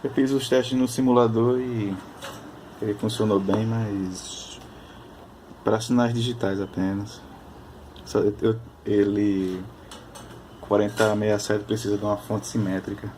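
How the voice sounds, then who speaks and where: A man chatting casually at his workbench, explaining technical details while thinking aloud, often pausing and restarting. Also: on the low side, level tone, warm tone, slight background noise. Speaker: electronics hobbyist.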